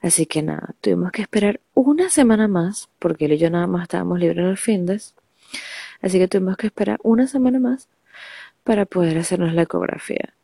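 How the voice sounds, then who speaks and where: A woman's voice: lowish voice, a little fast, creaky, husky, no echo. A woman with a Venezuelan accent and a nasal, stuffed-up voice tells a personal story casually, swearing and using lots of slang. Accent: Venezuelan Spanish. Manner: profane, animated storytelling full of slang. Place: under a quilt at home.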